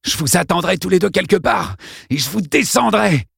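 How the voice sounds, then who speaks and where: A man voicing a brutal teenage thug who snarls, spits and yells obscenities in a strained, very high voice. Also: lively intonation, normal speed, gravelly, slightly rough, no echo, studio quality, exaggerated voice. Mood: threatening. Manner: snarling, spitting, yelling obscenities.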